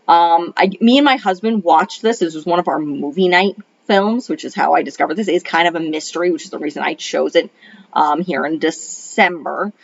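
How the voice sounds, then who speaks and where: In dull lo-fi audio with no room sound, a middle-aged woman speaks in a lowish, gravelly voice at a slightly quick pace. Still recovering from a cold, she sounds a little off as she rambles, um-ing and restarting, through a casual film review. She is a retired librarian and homeschool mom recording at home in Arizona.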